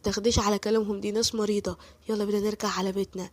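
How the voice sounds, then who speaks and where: A woman's voice: medium pitch, level tone, rapid-fire, a little mellow, no room sound, voice pushed down, close to an everyday voice. A woman voicing a loyal, tired young Egyptian husband who firmly defends his wife. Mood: protective. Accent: Egyptian Arabic.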